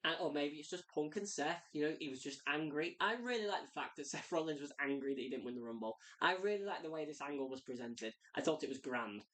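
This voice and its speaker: Low-pitched woman reviewer, chatty and excitable, rambles freely. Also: quick pace, few pauses. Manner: excitable, rambling, many "like" fillers. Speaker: wrestling reviewer. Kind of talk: casual spoken review.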